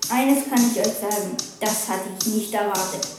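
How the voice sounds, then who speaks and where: A woman reading the lines of a burly, tattooed, gruff and threatening man with a brusque, shouty manner. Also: medium pitch, normal speed, close to an everyday voice. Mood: surprised. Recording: echoey room from a distance, music behind.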